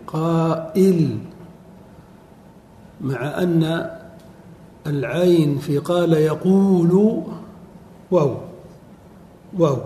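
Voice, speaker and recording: A man teaching a classroom lecture, drawing out words slowly and quizzing his students. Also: on the high side, dark tone. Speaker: teacher of Arabic morphology. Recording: echoey hall with faint noise.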